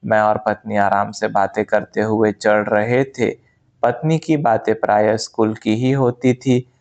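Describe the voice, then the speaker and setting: A man calmly reading a spiritual memoir aloud as an audiobook narration, in a measured, unhurried way. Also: lowish voice. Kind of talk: slow scripted audiobook narration.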